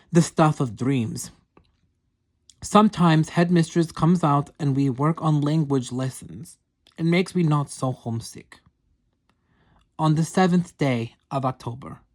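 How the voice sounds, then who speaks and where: A woman with a low, somewhat mellow voice plays an earnest young female yeti reading diary entries aloud. She speaks in stiff, formal, broken English.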